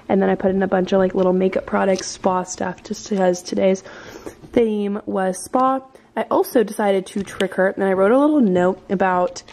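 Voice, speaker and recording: A young American woman chatting casually to her vlog in a bubbly, sorority-girl manner, with a creaky edge to her voice. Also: medium pitch, a little mellow. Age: young adult. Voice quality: creaky vocal fry. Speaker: student vlogger, sorority member. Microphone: handheld camera at arm's length. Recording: faint to clear background noise, handheld camera.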